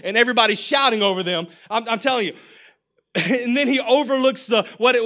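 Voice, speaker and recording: A man preaching with lively energy and humor, drawing the congregation into call-and-response. His voice sits high and bright, with a slight hoarseness. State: voice getting hoarse. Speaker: pastor. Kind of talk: sermon.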